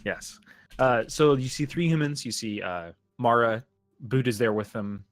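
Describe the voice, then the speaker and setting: A man narrating a tabletop game as game master in a rambling, halting way, often laughing. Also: medium pitch, soft background music.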